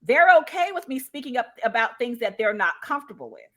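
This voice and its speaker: Her voice on the high side, pushed and bright, with big pitch swings, a woman talks fast as a guest in a live discussion over an online video call. She shares her experience conversationally and emphatically, checking in often.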